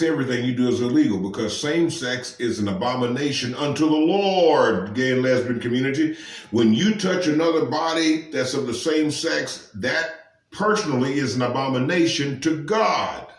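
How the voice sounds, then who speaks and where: A man's voice: medium pitch, reverberant, recorded from a distance. A man preaching informally to camera, emphatic and firing rhetorical questions at the listener. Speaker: street preacher.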